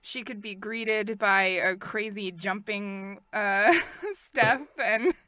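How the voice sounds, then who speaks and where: A woman's voice: medium pitch, slow, sharp tone, no echo, clean studio sound. A woman co-hosting a family podcast, asking questions in a casual, easygoing chat. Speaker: podcast co-host.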